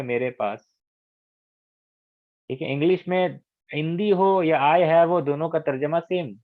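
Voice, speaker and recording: A man from India teaching Arabic grammar in an online lesson, explaining patiently, checking understanding often and drilling words slowly. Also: on the high side, dry recording. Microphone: online call. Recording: tinny phone-like call audio.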